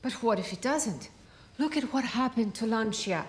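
An actress playing a worried, blunt and unyielding wife, arguing reproachfully and emphatically in a film drama. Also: female voice, a little high, animated, normal speed, lightly acted. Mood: worried, challenging. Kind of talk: film drama acting, marital argument. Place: dining room indoors.

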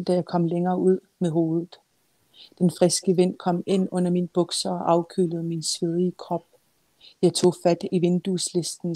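A woman author reads a passage from her own novel in a low, mellow voice. She sounds close and dry, and when she speaks freely she pauses often and uses many fillers. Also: no room sound.

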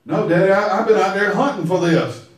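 A preacher voicing a rough young son. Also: male voice, high voice, a little fast, natural voice. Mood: pleading. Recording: very echoey hall, mic far off.

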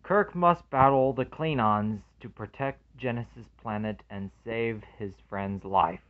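A man unboxing a movie collection in casual commentary, earnestly excited, reading the labels aloud and calling each one very amazing. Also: mid-range voice, a little slow, narrow, tinny audio.

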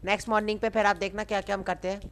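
A woman's voice: mid-range voice, little pitch movement, racing. A young woman hosting a game video, teasing and bossing a friend in casual chat. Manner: teasing, bossy, playful. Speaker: gamer host.

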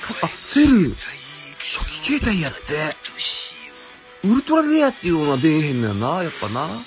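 A gaming YouTuber with a thick Kansai Japanese accent rambles excitedly as he does his game pulls, swinging from quiet mutters to sharp yelps. He talks at a normal speed, exclaiming and thinking out loud in a relaxed, offhand style, with the game's music clearly audible beneath him.

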